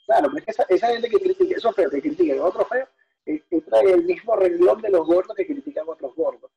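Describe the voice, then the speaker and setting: Venezuelan guy talking fast and cracking jokes, crowd noise in the back. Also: sits high, very animated, gravelly, muffled recording. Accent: Venezuelan Spanish. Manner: quick, joking interjections. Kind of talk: casual chat with friends.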